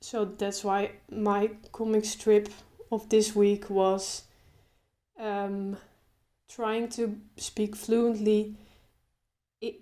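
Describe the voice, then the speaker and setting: At first this young woman, a video creator, stutters openly with sound repetitions and pauses as she chats casually to the camera. Her mid-range voice then relaxes into a slower, easier flow.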